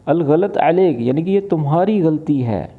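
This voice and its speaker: Male language teacher from Pakistan, patient repetitive explaining, high voice, tinny phone-like sound. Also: animated, slight background noise. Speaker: Arabic teacher. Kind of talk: explaining and translating phrases.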